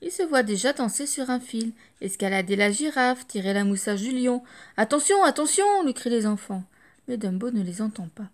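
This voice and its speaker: Woman, children's audiobook storyteller, lively expressive reading, fairly high voice. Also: moderate pace.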